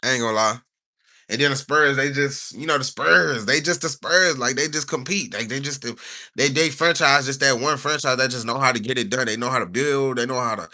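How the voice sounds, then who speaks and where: Bright-voiced young streamer rambling. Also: male voice, on the high side. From United States. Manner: rambling, slangy, animated; reads stiffly from notes. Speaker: livestreamer. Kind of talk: casual livestream talk.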